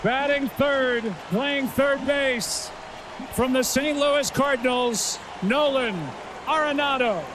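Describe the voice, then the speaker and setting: A man working as a stadium announcer, introducing lineups in a booming, showy arena style and drawing out names over the PA. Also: slow. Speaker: stadium public address announcer. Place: large open-air stadium, over the PA. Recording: noisy stadium PA with loud ambience.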